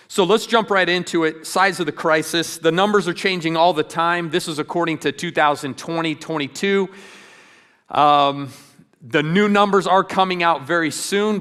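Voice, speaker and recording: A man's voice: on the high side, fairly bright tone, clear, resonant tone. A middle-aged man giving an earnest church training talk, telling stories with frequent ums and restarts. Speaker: ministry speaker.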